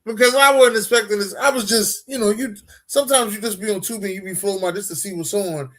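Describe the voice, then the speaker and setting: A man co-hosting a podcast in casual chat, laid-back and slangy, telling animated stories. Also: sits high, fast talker. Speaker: podcast co-host.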